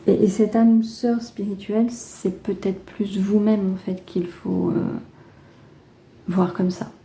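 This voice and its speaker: A French woman giving a casual tarot reading, chatty and gentle, with many fillers and restarts. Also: mid-range voice, little pitch movement, slow, gravelly. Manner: gentle, reassuring advice. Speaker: tarot card reader.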